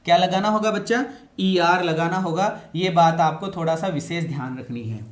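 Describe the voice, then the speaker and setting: A man's voice: sits high, normal speed. A male teacher, giving a lecture, repeating each point and answering his own questions. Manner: repetitive, asks questions and answers them himself. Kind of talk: classroom-style lecture. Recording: echoey room.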